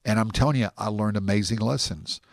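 A man being interviewed, telling stories in an animated, rambling way. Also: lowish voice, fairly quick, creaky, no room sound, clean studio sound. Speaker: guest. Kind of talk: casual interview talk.

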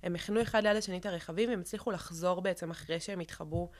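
Young woman, interview guest, low voice, halting, fillers and restarts, emotional personal account. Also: steady tone.

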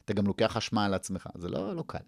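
Lively low-voiced man telling stories. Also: gravelly, no room sound, clean studio sound. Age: middle-aged. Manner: animated, acts out quotes with big pitch jumps. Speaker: guest comedian. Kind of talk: casual storytelling.

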